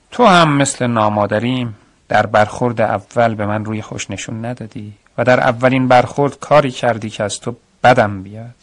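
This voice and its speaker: A man's voice: medium pitch, no room sound. A man narrating a radio story in the first person, reflective and earnest, on a studio mic.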